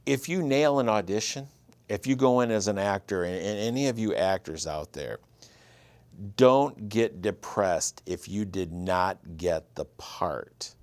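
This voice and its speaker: A writer and producer guesting on a casual interview, this fiftysomething man from Michigan, USA, has a Michigan accent and an easygoing storytelling manner. His voice is on the low side, measured in pace, and the recording is dry.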